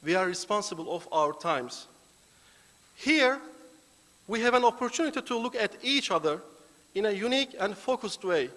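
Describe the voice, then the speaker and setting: A man with a fairly high voice leads a formal prayer, his words solemn and deliberate. The sound rings with the long reverb of a large banquet hall. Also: animated, a bit bright. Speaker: foundation volunteer giving the opening prayer.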